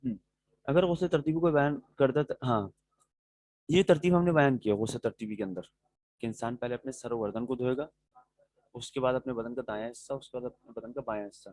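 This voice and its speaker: A male teacher leads a class on religious rulings at a patient, methodical pace, pausing to check that his students follow. His voice sits at an ordinary pitch. It is recorded dry and close, with no room echo. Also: a little mellow. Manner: patient, explains step by step, checks in with "okay"; answers students' questions directly.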